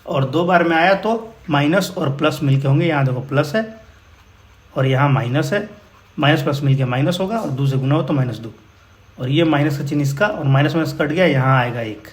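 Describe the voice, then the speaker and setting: Brisk encouraging man teaching physics. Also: a little high. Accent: Bihar. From India. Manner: informal, encouraging, calls students "my brother". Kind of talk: explaining exam problems.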